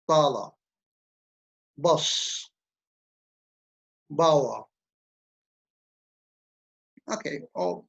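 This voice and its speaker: Recorded in dull lo-fi, this academic lecture comes from a Levantine university lecturer who speaks Arabic as his first language. His rather high voice is creaky and fairly bright, and he goes slowly and carefully, explaining in a measured way and repeating words when he restarts.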